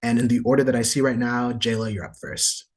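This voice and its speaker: A man hosts an online panel, his husky voice moving quickly through introductions and instructions. He keeps an organized, upbeat tone. The sound is that of a video call. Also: mid-range voice, fairly even intonation. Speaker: webinar moderator.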